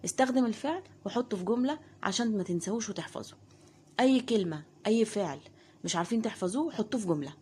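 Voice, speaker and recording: A woman's voice: medium pitch, lively intonation, rapid-fire, darkish tone, breathy edge. A woman with an Egyptian Arabic accent teaching an online language lesson, patiently saying each word and then its meaning. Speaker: Spanish teacher.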